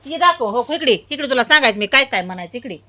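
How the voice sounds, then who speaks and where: A woman's voice: on the high side, expressive, fast, pushed and bright. A young woman, coaxing a small child on camera, repeating her prompts again and again. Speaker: mother filming her child. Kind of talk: casual home video chat.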